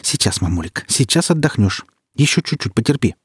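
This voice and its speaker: Man reading as a proud young woman, raised voice, clipped and firm, husky edge, dry close sound. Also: medium pitch, very animated, a little fast, no room sound. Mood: tender. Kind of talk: audiobook character reading.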